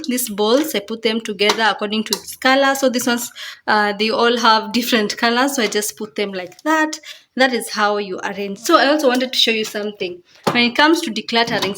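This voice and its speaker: Kenyan lady vlogger, kinda high voice, casual show-and-tell, goes step by step and repeats herself. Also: a bit bright. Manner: explains step by step, repeating phrases. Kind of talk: casual home tour explanation.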